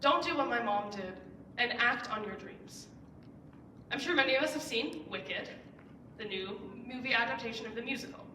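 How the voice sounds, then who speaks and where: Bright young woman giving an earnest speech. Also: on the high side, expressive, normal speed, a little hiss or hum. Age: late teens. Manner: earnest, with emphatic rising stresses. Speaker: student speaker. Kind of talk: persuasive speech. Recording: roomy echo, heard from some distance.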